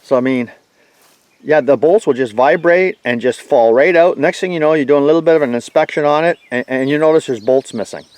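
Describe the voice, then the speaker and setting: A man's voice: a little high, brisk, darkish tone, dry recording. A man giving a blunt, folksy, plainspoken walkaround review of his tractor outdoors. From Canada.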